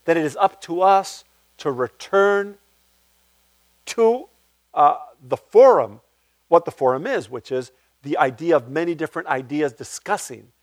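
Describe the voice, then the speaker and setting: The guest speaker, a playwright, takes audience questions unhurriedly, reflecting as he goes and often starting his sentences over. His pitch moves in animated swings, and the recording carries no room sound.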